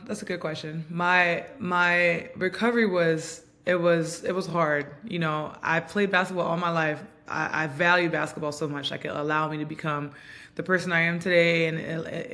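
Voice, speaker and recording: This Montreal woman in her thirties, a basketball player and coach whose first language is Haitian Creole, appears as a guest giving reflective, earnest interview answers. She pauses frequently and says um a lot. Her voice is low-pitched with a fairly bright tone.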